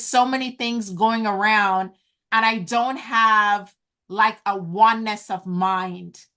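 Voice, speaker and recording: Her voice a little high, pushed and bright, a woman business coach teaches a group on a video call during an online event she hosts. Earnest and encouraging, she calls her listeners guys and teaches slowly and deliberately.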